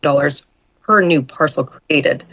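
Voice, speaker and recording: A woman's voice: deep voice, slow pace, a bit bright. Woman on a choppy video call. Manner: careful, reads out bylaw and section numbers. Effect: choppy audio cutting in and out, words clipped off. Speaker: planning staff presenting a report. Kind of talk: formal report summary at a public meeting.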